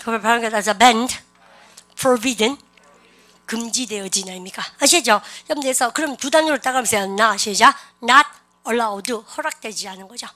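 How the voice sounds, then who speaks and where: A woman teaching an online English grammar lecture, animated and coaxing her students to repeat example sentences aloud. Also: on the high side, fairly quick.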